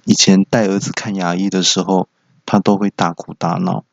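Middle-aged man, gravelly low voice, comic monologue host; dull, dry recording. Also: little pitch movement, normal speed, dry recording. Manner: acts out dialogue with raised voices.

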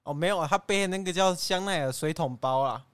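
Casting note: male guest, deadpan and smug, slightly high voice, dry sound. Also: quick pace, clean tone, no room sound. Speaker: podcast guest. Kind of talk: comedic podcast banter.

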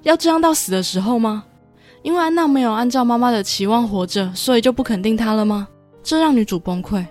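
A woman hosting a podcast calmly retells a drama's story and reads the characters' lines in her own voice. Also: fairly high pitch, fast talker. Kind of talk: storytelling recap with quoted dialogue. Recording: dry close studio mic with faint background music.

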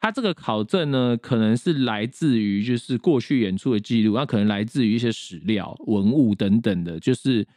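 Brief: male podcast co-host, mid-pitched, explains at length, pauses to think, dry close mic. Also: lively intonation, mellow, dry recording. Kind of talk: casual chat on classical music.

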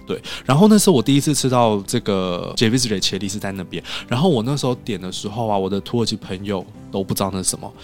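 A man from Taiwan, guesting on a podcast, tells stories in casual chat and animatedly acts out what people said. His voice is fairly low, his pace quick with few pauses, and soft music plays in the background.

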